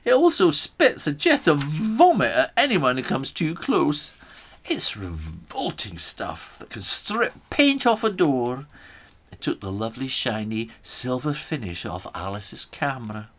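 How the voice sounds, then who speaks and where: A man reads a story in character, voicing a crafty Scottish island man in the first person with a put-on Scottish accent and a sly mood. His mid-range voice swings widely in pitch at a measured pace, with a breathy edge and pushed-down delivery. The acting is heavy.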